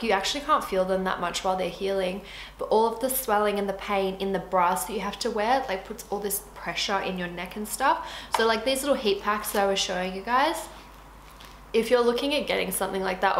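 A woman's voice: mid-range voice, fairly bright tone. A young woman in her twenties chatting casually while eating, talking with her mouth full. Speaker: beauty vlogger. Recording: echoey room with faint hiss.

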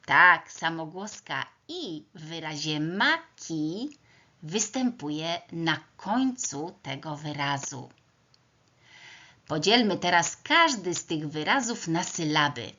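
A woman teacher giving a first-grade reading lesson, slowly sounding out words letter by letter for young children. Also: deep voice, very animated, sharp tone. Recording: dull lo-fi sound.

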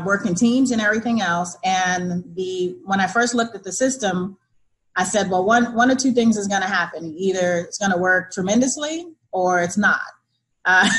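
A woman broker tells the story of trying out a system late at night, in an upbeat, narrative way. Her voice sits at a medium pitch. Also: fairly bright tone, poor audio. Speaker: real estate broker. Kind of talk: testimonial.

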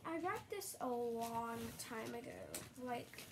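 A high, young girl's voice chatters casually, drifting a bit as she goes. Her words come out muffled through a mask. A loud background noise hangs over the camera mic recording. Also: expressive, takes it slowly, creaky. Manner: chatty, a little scattered. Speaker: vlogger. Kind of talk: casual unboxing chat.

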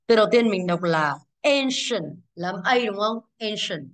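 A young woman teaching English to a class, going briskly through exam answers and asking the students over and over whether they follow. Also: mid-range voice, expressive. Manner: brisk, scolding, checks understanding with rhetorical questions.

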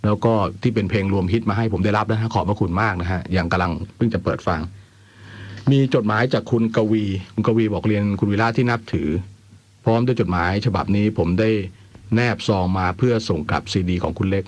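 Lowish-voiced man hosting radio, very dry sound. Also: a little fast, no echo. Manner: informal, with wry asides. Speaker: radio host. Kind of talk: radio phone-in chat and letter reading.

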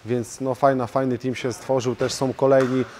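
A man in his own martial arts gym answers interview questions, speaking as a fighter and coach. His pitch sits at an average height and barely moves, which gives a flat, even delivery. He fills pauses with drawn-out hesitations as he gathers his thoughts. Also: slight background noise. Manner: steady, level delivery with hesitation fillers.

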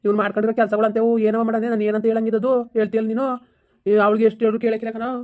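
A man plays a stern but caring village elder. He lectures at a rapid clip in a fairly high, dark and flat voice. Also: natural voice. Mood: soothing. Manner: scolding, lecturing, then soothing. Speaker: elder villager in a comedy skit.

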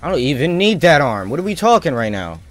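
This game streamer is very animated and talks fast in a higher-pitched voice. He gives casual live commentary full of slang and swearing, mostly to himself, while music and game audio play.

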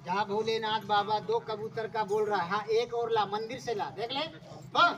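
A man performing as a street magician and snake showman, loudly coaxing the onlookers, giving orders and calling for claps. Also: high voice, steady tone, moderate pace, highs cut off. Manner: loud, coaxing showman who keeps ordering the crowd to clap. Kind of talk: street show patter. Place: village street, outdoors. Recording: far from the mic, loud crowd around. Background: loud crowd of onlookers.

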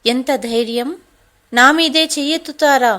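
Woman voicing a shouting, bossy sister-in-law. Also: high-pitched, moderate pace. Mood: angry scolding. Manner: shouting, scolding. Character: angry, bossy young wife, sister-in-law.

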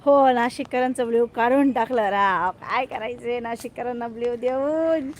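A woman's voice: on the high side, normal speed. A woman hosting a live stream in casual chat, greeting viewers by name and teasing them playfully. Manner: playful, jokes about herself.

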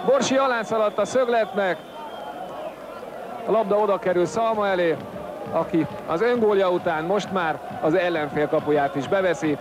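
A man commentates on football in an excited, exclaiming way. His voice sits high for a male. A loud crowd and clear background noise surround him throughout the broadcast. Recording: noisy stadium broadcast with crowd.

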